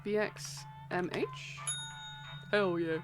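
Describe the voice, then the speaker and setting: A young woman streaming live, chatting casually and excitably while she plays a trivia game, giggling and swearing often. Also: fairly low pitch, takes it slowly. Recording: game music playing behind.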